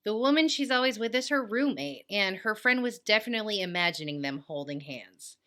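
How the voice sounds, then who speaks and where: A bright, animated woman recapping a TV episode on a casual podcast. She giggles often and jumps between plot summary and jokes, with a lively, swinging pitch. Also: brisk. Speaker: podcast co-host.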